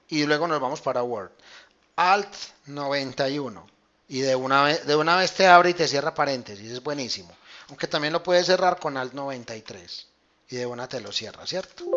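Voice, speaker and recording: A man with a fairly high, fairly bright voice teaches math in an online class with a screen demonstration, walking through each step casually and checking in with students often. The audio is dull.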